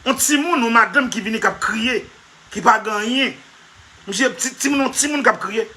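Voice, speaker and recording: A man's voice: very high-pitched, brisk, bright, forceful tone. A man giving a comic monologue, emphatic and repetitive, often half-laughing as he talks. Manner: emphatic, repetitive, keeps addressing "monsieur". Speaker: comedy vlogger.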